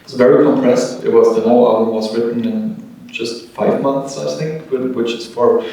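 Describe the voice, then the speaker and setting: A man answers in English in a measured, steady way, pausing with fillers. His voice stays flat in pitch and sounds distant, in a hall that echoes heavily. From Germany. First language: German. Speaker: band member, guest. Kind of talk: casual panel interview.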